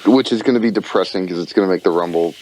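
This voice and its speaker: A man's voice: deep voice, very fast, darkish tone, a little hiss or hum, poor audio. A man co-hosting a casual podcast, throwing out crude jokes and plain-spoken opinions. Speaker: podcast co-host. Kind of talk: casual wrestling podcast chat.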